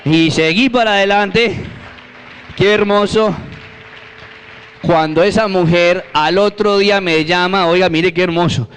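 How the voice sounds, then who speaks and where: A man shares his religious testimony with an audience in a fairly high voice. He tells it like a lively story, acting out each conversation and keeping it light with humor. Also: unhurried, long pauses, clear, resonant tone. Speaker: speaker giving a religious testimony.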